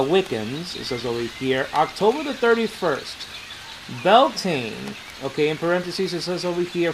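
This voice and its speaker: Slow-talking man reads a booklet and spells names out letter by letter, with a rain-like hiss behind him. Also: fairly high pitch, low-quality recording. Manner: repeats "it says over here" and fills pauses with "uh". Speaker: teacher reading from a booklet. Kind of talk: slow read-aloud commentary.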